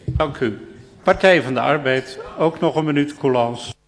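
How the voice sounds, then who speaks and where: A man's voice: fairly high pitch, normal speed. A man chairing a council meeting, handing over the floor in brief, formal lines. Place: council chamber. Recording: long reverb in a hall.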